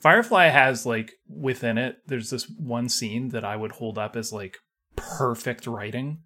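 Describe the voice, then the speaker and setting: A man's voice: mid-range voice, a little slow, bright, forceful tone. A man co-hosting a casual podcast, wry and easygoing, laughing along with his partner. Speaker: podcast co-host.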